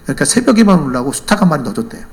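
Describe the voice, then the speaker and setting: A woman's voice: deep voice, big pitch swings, rapid-fire, a little mellow. A man voicing an earnest older countrywoman, a church deaconess, who presses her questions insistently. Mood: proud.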